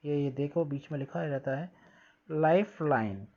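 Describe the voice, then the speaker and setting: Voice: medium pitch, darkish tone. A teacher reading English sentences aloud and explaining them in Hindi, asking the pupils questions and drilling pronunciation. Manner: reads English lines slowly, then explains and drills pronunciation; asks questions to students and answers them. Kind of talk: classroom lesson explaining English text in Hindi. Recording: dull lo-fi sound.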